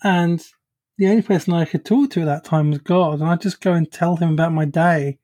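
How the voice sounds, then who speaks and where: A podcast host talking reflectively, with halting restarts, in a conversational interview. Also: mid-range voice, mellow.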